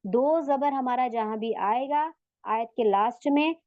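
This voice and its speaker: A woman with a slightly high voice teaches a tajweed class online. She is patient and takes each step in turn, pausing to ask her students questions and stretching Arabic words out slowly to demonstrate them. The sound is dry and a little dull. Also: no echo. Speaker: Quran recitation teacher.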